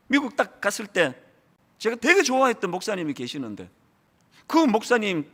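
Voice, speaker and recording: A man's voice: high voice, a bit bright. A middle-aged man from the Gyeongsang region preaching a sermon as pastor, acting out church members' remarks in mocking voices. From Gyeongsang region, South Korea.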